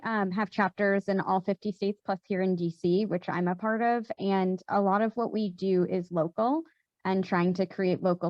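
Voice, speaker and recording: A woman's voice: on the low side, darkish tone, no room sound, dull audio. A woman answering on a panel discussion, talking conversationally with many fillers and restarts. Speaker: panelist, gun safety volunteer. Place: event hall.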